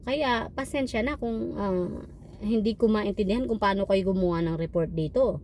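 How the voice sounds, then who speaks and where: A woman vlogger who works as a patient care technician, retelling frustrating hospital shifts in an animated, exasperated way. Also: medium pitch, moderate pace, a little hiss or hum. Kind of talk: casual storytelling vlog.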